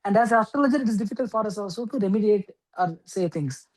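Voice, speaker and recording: Woman teaching slowly. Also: mid-range voice, expressive, darkish tone, rough recording. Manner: explains slowly with many okays and fillers. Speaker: astrology teacher. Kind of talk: lecture.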